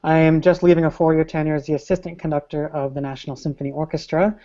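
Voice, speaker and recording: A man's voice: a little high, little pitch movement, quick pace, mellow. A man from the Bay Area, a guest on a video call panel, who talks in a loose way with halts and restarts. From San Francisco Bay Area. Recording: muffled video call audio.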